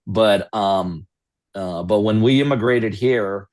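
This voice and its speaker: A man's voice: lowish voice, slow pace, darkish tone, no room sound. A man from Russia with no accent, hosting a webinar over a video call in a rambling, self-deprecating way. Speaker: webinar host. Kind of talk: casual webinar chat.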